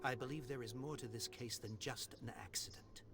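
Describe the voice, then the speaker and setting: An actor playing a stern, grieving older father who speaks in a formal, insistent, measured way. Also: medium pitch, fairly even intonation, natural voice. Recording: noisy game audio.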